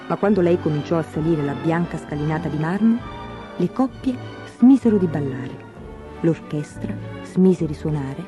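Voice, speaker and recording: A woman narrating a fairy tale aloud in a gentle, expressive storybook manner. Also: lowish voice.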